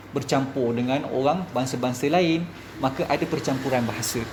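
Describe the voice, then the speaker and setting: A man with a Malaysian Malay accent, a religious teacher giving a classroom lecture, lively and full of rhetorical questions to his students. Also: a little high, a little hiss or hum.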